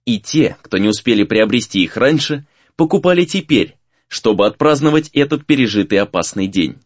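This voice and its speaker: A man's voice: mid-range voice, animated, moderate pace, dry recording, highs cut off. Male audiobook narrator, dry close sound. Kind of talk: scripted fantasy narration.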